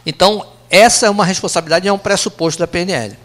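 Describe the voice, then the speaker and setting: High-voiced Brazilian man lecturing. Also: fairly bright tone. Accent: Brazilian Portuguese. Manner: conversational, tag questions "né?", quick aside jokes. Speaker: speaker giving a company lunch talk. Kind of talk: lecture to a live audience.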